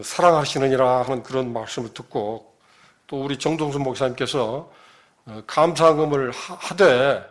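A middle-aged man telling a personal faith testimony in an earnest, storytelling way. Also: medium pitch. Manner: earnest storytelling, grows animated. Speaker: church member giving testimony.

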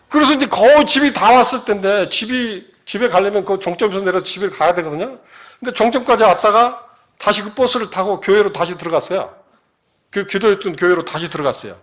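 Earnest middle-aged man, higher voice. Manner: earnest storytelling, grows animated. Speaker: church member giving testimony. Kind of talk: personal faith testimony.

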